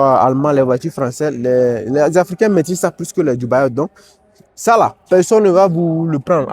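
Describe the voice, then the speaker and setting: A man's voice: mid-range voice, a little mellow. A man giving casual, rambling commentary while walking around an outdoor used car auction lot, filming on a handheld phone. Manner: chatty and rambling, sprinkled with tags and asides.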